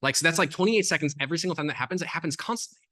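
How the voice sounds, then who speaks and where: A man talking as a podcast guest, explaining things in a fast, animated way, full of "like" and "um" fillers. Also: a little high. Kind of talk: casual explanatory conversation.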